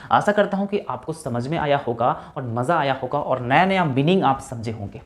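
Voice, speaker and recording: A man's voice: mid-range voice, expressive, a little fast. A male teacher giving a vocabulary lesson for exam preparation, spelling each word out letter by letter, repeating it, and checking in with the viewer again and again. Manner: drills with repeated check-ins like "right?" and "okay".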